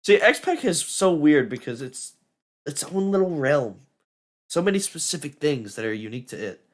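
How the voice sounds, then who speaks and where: A young adult man streaming a video game, talking in an excitable, rambling way with many fillers and restarts as he plays. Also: on the high side, normal speed. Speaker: gaming streamer. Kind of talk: live gameplay commentary.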